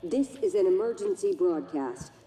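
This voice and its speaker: A performer voicing a space station emergency announcer, heard through a loudspeaker and giving calm, formal evacuation orders. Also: medium pitch, moderate pace, a crowd in the background, rough recording. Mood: urgent. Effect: emergency announcement over a station loudspeaker. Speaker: station public address announcer.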